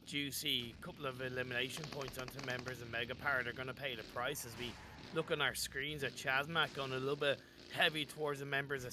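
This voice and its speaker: A man calling esports play-by-play with energetic, quick play-calling. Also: fairly high pitch, noisy background. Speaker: esports caster.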